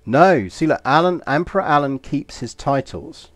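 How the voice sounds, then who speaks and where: A man's voice: a little high, lively intonation, normal speed, no echo. A man from East London with an English accent, giving rambling, anecdotal live-stream commentary on a strategy game and swearing casually.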